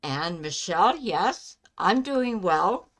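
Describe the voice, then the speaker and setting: A woman chatting casually as a live stream host, speaking in a halting way with pauses mid-sentence. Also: fairly low pitch, animated, fairly bright tone, slight background noise. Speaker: live stream host giving psychic love readings.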